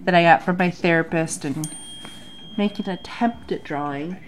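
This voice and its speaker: Sitting at her home desk under an overhead light, a woman in her thirties who vlogs about bullet journaling chats casually through her pages, with lots of ums. Her lowish voice, nasal from a sinus infection, moves at normal speed against slight background noise.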